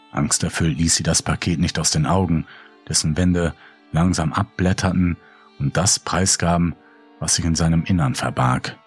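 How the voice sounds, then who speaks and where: A male storyteller reads a horror tale in a dark, measured way. His voice is very deep and husky, and soft music plays faintly under it. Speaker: narrator. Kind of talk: scripted horror narration.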